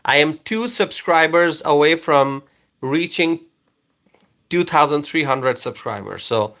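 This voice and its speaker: This live-stream host, a native Bengali speaker from Bangladesh, reads viewers' comments one by one. Speaking slowly and repeating phrases, he coaxes people to respond, his slightly high voice expressive and a bit bright, with vocal fry.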